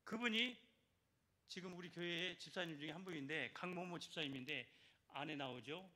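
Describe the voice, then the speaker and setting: Older male church elder, bright and forceful, preaching and urging his listeners. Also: on the high side, moderate pace. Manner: exhorting, repeats key phrases, asks the congregation for responses. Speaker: church elder giving testimony. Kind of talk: evangelism testimony in a church service.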